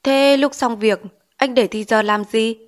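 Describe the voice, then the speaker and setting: A woman's voice: a little high, steady tone, measured pace, natural voice. A woman voicing a stern male village schoolteacher in an audiobook, scolding with pointed questions. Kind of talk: audiobook character reading.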